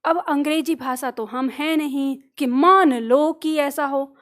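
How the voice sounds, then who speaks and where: Female teacher, high voice, lecturing at a board and testing students on sounds. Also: unhurried, a bit bright. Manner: quizzes students with pronunciation choices; explains at a board with pointing words. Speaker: Hindi teacher. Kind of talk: classroom lecture.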